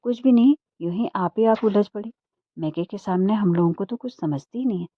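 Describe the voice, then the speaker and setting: A woman voicing a rude, hot-tempered young village man in a storybook reading, with a sharp, scolding manner. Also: lowish voice, dry recording, lightly acted. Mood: angry, scolding. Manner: sharp, scolding, quick to anger. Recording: dull muffled dry recording.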